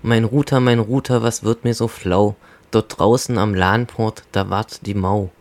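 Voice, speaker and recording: A man's voice: on the low side, steady tone, unhurried, darkish tone. A man voicing an anxious little data packet, pleading fearfully in rhymed verse. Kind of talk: comic poem recitation.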